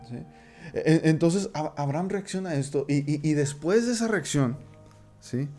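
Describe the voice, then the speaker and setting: A man's voice: fairly high pitch, expressive, moderate pace, mellow, soft background music. A man giving a casual Bible study talk, often repeating words and checking in with listeners by asking "¿sí?". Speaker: Bible teacher.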